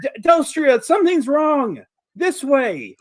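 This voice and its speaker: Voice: high voice, very animated, takes it slowly, no room sound, clean studio sound, pitched above the performer's own voice, exaggerated voice. A game master voicing an alarmed male adventurer who calls out urgently, his voice muffled as if heard through a wall. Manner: urgent, calling out. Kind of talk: tabletop game role-play.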